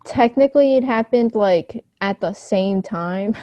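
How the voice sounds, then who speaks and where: A woman's voice: mid-range voice, no room sound. Giggly teenage girl, dull dry sound. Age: teens. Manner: storytelling, giggly, quick asides. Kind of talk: casual chat among friends.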